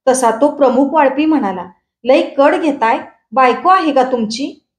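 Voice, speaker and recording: A devoted young man firmly defends his new wife, voiced by a woman reader. The storybook voice stays high and clear. A roomy echo hangs on each line. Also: expressive, a little slow.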